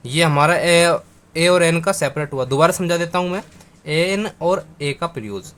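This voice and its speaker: A man teaching a grammar lesson, going over words slowly and again and again, spelling them out letter by letter and speaking to viewers as friends. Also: on the high side, fairly bright tone.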